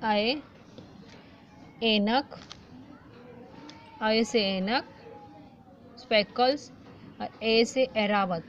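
A woman teacher with an Indian accent giving a recorded lesson, reading syllables slowly and drawn out, and mixing in English. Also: a little high. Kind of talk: online class lesson. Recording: dull lo-fi sound with faint background noise.

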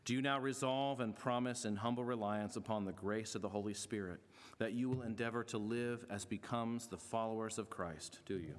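A man's voice: lowish voice, fairly even intonation, normal speed. A middle-aged man, a pastor, speaking from a pulpit in a large church sanctuary, mixing formal readings with friendly joking asides. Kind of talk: church membership service address. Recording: long reverb of a church hall.

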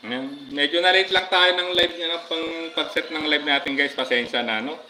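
Bright-voiced Filipino man doing live shoutouts. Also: a little high, moderate pace, poor audio. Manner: frequent fillers, shoutouts to viewers. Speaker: livestream vlogger. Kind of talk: casual live-stream chat.

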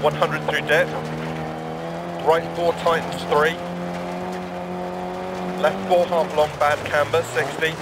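A man playing a brisk, focused rally co-driver in a racing game, calling rapid clipped pace notes. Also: fairly high pitch, level tone, creaky. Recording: loud car engine noise. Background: roaring rally car engine.

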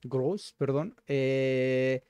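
A man hosting casual language practice, repeating words slowly to sound them out. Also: mid-range voice, steady tone, noisy background. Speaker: host.

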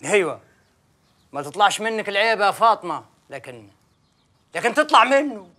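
Stern, bright-voiced village sheikh. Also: male voice, high-pitched, very animated, a little fast, exaggerated voice. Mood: reproachful. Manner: reproachful, insistent. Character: stern self-righteous village sheikh, adult man. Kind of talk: television drama acting.

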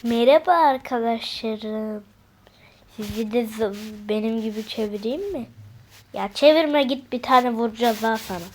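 A woman with a high, light voice narrates a game playthrough in a chatty, teasing manner. She talks at an unhurried pace and often drops into hushed asides. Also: a little hiss or hum. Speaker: gaming video narrator.

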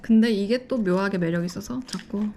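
A woman's voice: mid-range voice, fairly quick, warm tone. A woman chatting casually as a vlogger, recorded inside a car. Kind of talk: casual vlog chat. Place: inside a car at a drive-through. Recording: noisy car cabin, engine and road noise.

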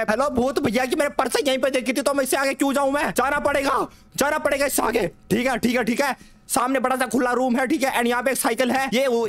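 A man's voice: very high voice, a bit bright. Jokey young man narrating a horror game. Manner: jokey and rambling, taunts the game's ghosts; repeats words in nervous streams of reassurance. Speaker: gaming YouTuber. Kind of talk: comic horror game commentary.

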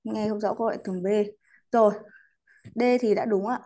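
A woman teaches an online English lesson in a steady, mellow, medium-pitched voice at a slightly quick pace. She is patient and polite, inserting English words into her explanations and adding courteous particles to nearly every sentence.

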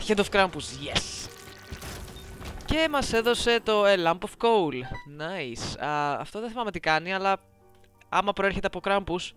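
A woman's voice: mid-range voice, a bit bright. A woman giving casual let's-play commentary, playful and teasing as she chats to viewers on a close microphone. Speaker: gameplay commentator. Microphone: close desk microphone.

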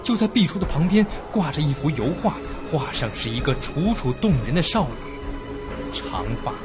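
Over music, a man with a slightly high voice speaks at a moderate pace, playing an uneasy young man recounting his ordeal at a haunted inn. He tells the ghost story in the first person, suspenseful and dramatic, his tone fearful and expressive.

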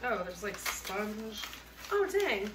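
A woman's voice: mid-range voice, big pitch swings, takes it slowly. A woman chatting casually and cheerfully as she unboxes resale items, thinking aloud. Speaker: reseller vlogger. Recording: echoey room, mic at a distance, noisy.

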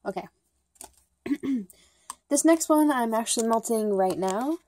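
A woman's voice: on the high side, lively intonation, dark tone, a little hiss or hum. A woman chatting through a casual product review at home, rambling and bubbly with lots of "like" and "um". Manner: rambling and bubbly, many "like" and "um" fillers; talks fast at times, by her own account. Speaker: vlogger reviewing wax melts.

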